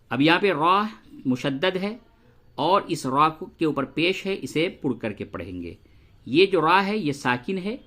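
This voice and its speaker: A man teaching Quran reading and tajweed, explaining letter sounds and drawing verses out slowly as he recites them. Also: a little high, fairly bright tone. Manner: slow drawn-out recitation of verses between brisk explanations; addresses listeners as brother, repeats sounds for drilling.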